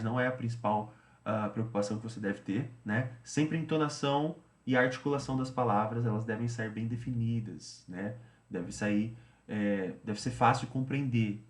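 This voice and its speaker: A man's voice: mid-range voice, reverberant. A man teaching English, explaining a study routine in a chatty way, often repeating himself and tagging phrases.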